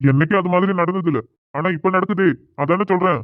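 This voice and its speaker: A stern, wounded village father in a cartoon drama, played by a man. He speaks high and quick with a reproachful edge. The sound is tinny and phone-like. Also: no echo, natural voice. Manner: reproachful and sarcastic.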